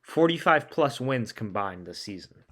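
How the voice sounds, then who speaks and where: A man's voice: medium pitch, sing-song, normal speed, fairly bright tone. A man hosting a podcast, talking sports in a casual, enthusiastic way. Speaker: podcast host.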